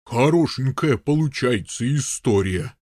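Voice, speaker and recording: A man's voice: mid-range voice, lively intonation, unhurried, darkish tone, no echo, clean studio sound. A man voicing a stolid, fussy knight who talks ponderously and fumbles for words. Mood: musing. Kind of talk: audiobook character voice.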